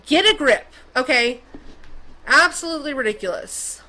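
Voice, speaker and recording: Sarcastic woman commentary host, bright and forceful, slightly high. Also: animated, normal speed, rough recording. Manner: sarcastic, mocking, repeats "okay?". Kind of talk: opinionated commentary rant.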